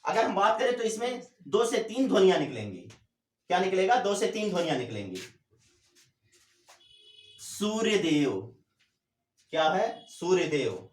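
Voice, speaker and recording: High-voiced male teacher, echoey room. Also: big pitch swings, distant mic. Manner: repeats questions and answers them himself; drawls syllables slowly to demonstrate. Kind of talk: classroom lecture.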